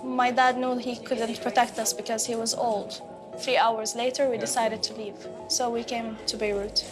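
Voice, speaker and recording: Young woman, frank and quick to laugh, higher voice, music behind. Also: little pitch movement. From Syria. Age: young adult. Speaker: interviewee. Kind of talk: casual conversation. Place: cafe.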